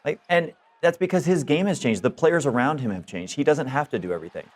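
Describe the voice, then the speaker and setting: A man's voice: mid-range voice, animated, fast. A man co-hosting a sports radio show, making his points emphatically. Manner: emphatic and argumentative. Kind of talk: casual sports analysis.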